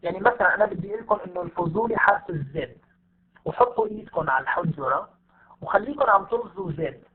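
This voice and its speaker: High-voiced man teaching over tinny audio. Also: expressive. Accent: Levantine Arabic. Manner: patient, repeats example words slowly for students. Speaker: English teacher. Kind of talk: online lesson.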